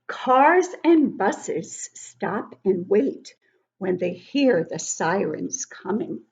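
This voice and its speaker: A woman with a pitch in an ordinary female range reads a picture book aloud to young children at an unhurried pace, heard through dull, slightly muffled lo-fi sound. Like an encouraging teacher, she reads expressively with clear emphasis, and between passages she talks straight to the little ones with questions and asides.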